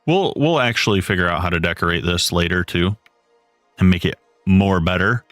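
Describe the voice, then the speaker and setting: Male streamer, thirties, deep and low, relaxed rambling chat, dry close mic. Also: moderate pace, no room sound. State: has the hiccups. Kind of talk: casual live-stream chat while building. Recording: dry close mic, faint music behind.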